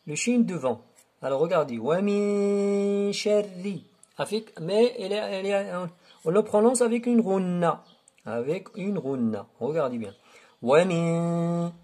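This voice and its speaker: A man teaching Quran recitation rules step by step, repeating words slowly and drawing out syllables. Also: sits high, darkish tone, breathy edge. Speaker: tajweed teacher. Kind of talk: slow step-by-step recitation lesson.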